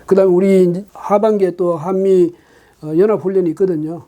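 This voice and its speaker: A man's voice: sits high, steady tone, fairly quick, warm tone. A man hosting his own political commentary show, talking alone with emphatic rhetorical questions and frequent hesitant fillers.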